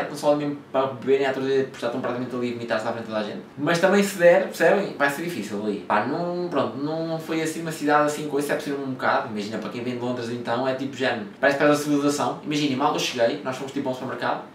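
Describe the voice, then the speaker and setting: A man's voice: medium pitch, racing, few pauses, slight background noise. Rambling young man with a Lisbon accent, echoey room. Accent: European Portuguese, Lisbon slang. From Portugal. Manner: slangy, swears a lot, rambling with fillers. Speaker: vlogger. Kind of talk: casual storytelling. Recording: echoey room, mic at a distance.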